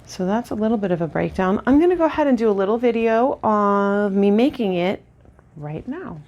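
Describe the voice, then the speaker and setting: A woman demonstrating lash techniques in a casual tutorial, chatty and relaxed with lots of ums and restarts. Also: mid-range voice, fairly quick, lo-fi sound. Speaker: lash artist instructor.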